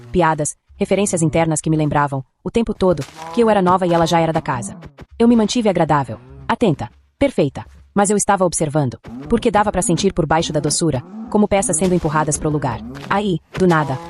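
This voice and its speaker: A woman narrating a first-person story in a brisk, even way. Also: on the low side.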